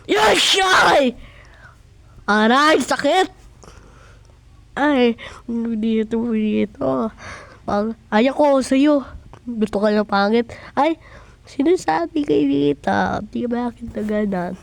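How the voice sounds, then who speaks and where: High-voiced woman doing a comedy skit, whiny and yelpy, slow drawn-out talk, dry close sound. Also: gravelly, dry recording. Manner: excitable and whiny, often yelping and shouting. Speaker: skit creator. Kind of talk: comedic one-person skit.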